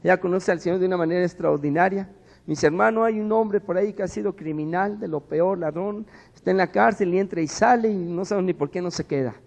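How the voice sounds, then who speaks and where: Mexican male pastor, high voice, emphatic sermon, church hall reverb. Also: fast talker, creaky, highs cut off. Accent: Mexican Spanish. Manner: emphatic preaching, swings from loud to hushed. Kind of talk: sermon with a personal story.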